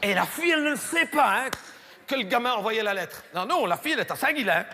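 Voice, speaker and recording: A man with a Belgian French accent doing stand-up comedy in a playful, animated way, often stumbling into restarts, performing live in a large theater. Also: extremely high pitch, quick pace, very noisy. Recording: live stage, long hall reverb.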